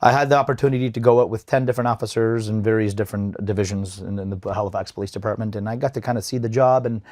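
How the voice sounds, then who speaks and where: A man's voice: fairly low pitch, steady tone, rapid-fire, darkish tone, no room sound, studio quality. A man in his thirties from Bosnia, a podcast guest in casual interview talk, often restarting and repeating words. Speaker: podcast guest, event company owner.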